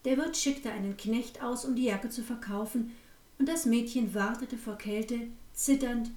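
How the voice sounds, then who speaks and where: A woman narrating a fairy tale in a calm, even storytelling manner. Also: a little high, unhurried, far from the mic. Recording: echoey room, set back from the mic.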